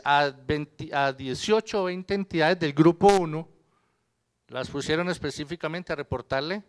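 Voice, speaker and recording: A man's voice: on the high side, fairly bright tone, smooth. Man lecturing a seminar crowd. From Colombia. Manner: conversational lecturing, quizzes the audience, jokes. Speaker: accountant presenting to a seminar. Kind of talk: live seminar presentation.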